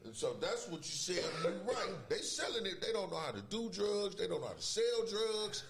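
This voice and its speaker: A man's voice: sits high, big pitch swings, moderate pace, creaky. A middle-aged man chatting casually and telling stories in slangy, profane street talk. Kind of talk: casual chat, storytelling. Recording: background noise.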